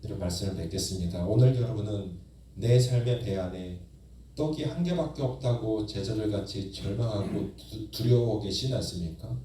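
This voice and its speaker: A man's voice: on the low side, dark tone, a little hiss or hum. Echoey preaching man in a church. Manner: preaching with rising emphasis and slow, drawn-out lines. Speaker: pastor. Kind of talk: sermon. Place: church sanctuary. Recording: very echoey church hall, distant mic.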